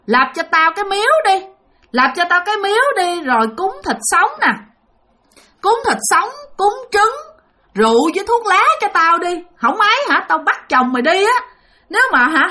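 A woman voicing a shrill threatening female ghost. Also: bright, forceful tone, exaggerated voice. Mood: demanding. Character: hungry menacing female ghost possessing a man.

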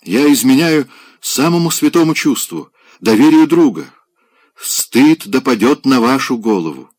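A man voicing a stern, flustered young gentleman in an audiobook, admonishing and firm. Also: medium pitch, animated, measured pace, no room sound, pitched above the performer's own voice.

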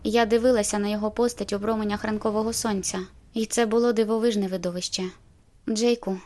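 A woman narrating a first-person audiobook in a steady, measured way. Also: medium pitch.

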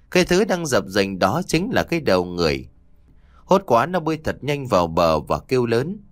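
Lively male ghost-story narrator. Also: lowish voice, dry recording, clean studio sound.

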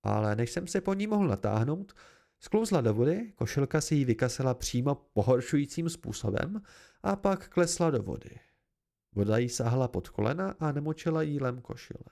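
Gravelly man reading a novel aloud. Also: medium pitch, lively intonation, mellow. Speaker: audiobook reader. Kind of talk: amateur first-person novel narration.

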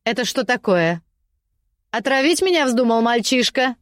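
Audiobook: a woman voicing a haughty imprisoned noblewoman, high, shrill and mocking, dry close sound. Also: animated, moderate pace, dry recording, natural voice. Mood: scornful. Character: scornful, desperate imprisoned aristocratic lady. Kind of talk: audiobook character voice.

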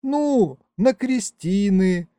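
A man's voice: high voice, animated, drawn-out words, mellow, no room sound, studio quality, pitched above the performer's own voice, heavily acted. A man voicing a tearful young peasant mother who speaks in a plaintive, sobbing way.

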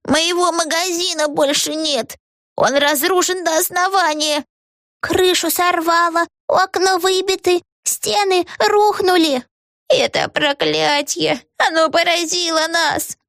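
A woman voicing a frantic female shopkeeper who wails her words slowly. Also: extremely high pitch, fairly bright tone, no echo, clean studio sound, pitched above the performer's own voice, heavily acted. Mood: wailing. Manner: wailing, drawn-out lament.

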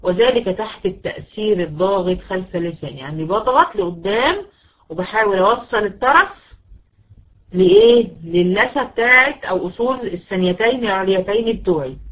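A woman with an Egyptian accent gives a recitation lesson to a class of women. She explains patiently, poses her own questions and answers them, and keeps repeating short syllables to demonstrate each sound. Her pitch sits in a middle range. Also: rough recording. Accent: Egyptian Arabic. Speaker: Quran recitation teacher. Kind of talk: tajweed lesson to female students.

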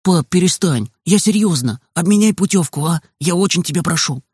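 A man voicing an excitable young boy pleading with his father, in a storybook reading. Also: sits high, brisk, husky, no echo, clean studio sound, voice pushed up. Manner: eager, pleading, bright raised tone.

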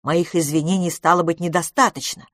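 A woman's voice: fairly low pitch, fairly even intonation, a little fast, a bit bright, no room sound, studio quality. Woman voicing a jealous hot-tempered young man. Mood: indignant. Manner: brusque, challenging.

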